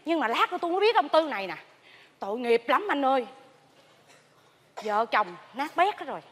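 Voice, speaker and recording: A woman's voice: sits high, very animated, fairly quick. A woman, playing a gossiping neighbor in a stage comedy sketch, full of exclamations. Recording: reverberant theater stage.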